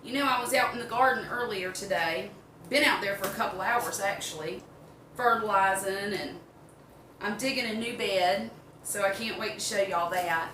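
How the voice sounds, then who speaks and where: Giving a cooking demo in her home kitchen, an older Southern US woman talks casually, folksy and meandering. She speaks at a moderate pace in a mid-range voice with a sharp tone, captured on a distant mic in a roomy space with noise in the background.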